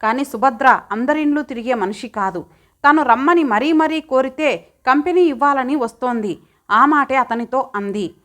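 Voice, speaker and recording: Woman narrator, audiobook story, steady expressive reading, fairly high voice. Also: normal speed.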